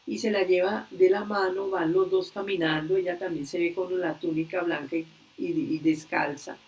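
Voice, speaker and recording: A woman's voice: on the low side, fairly even intonation, a little mellow. Woman telling a story on a video call. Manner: slow, earnest retelling with many hesitations. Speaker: religious workshop leader. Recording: distant video-call audio.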